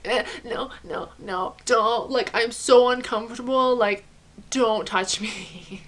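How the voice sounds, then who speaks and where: A young woman vlogger telling a casual storytime, animated and chatty, with lots of "like" and frequent swearing. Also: medium pitch. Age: young adult.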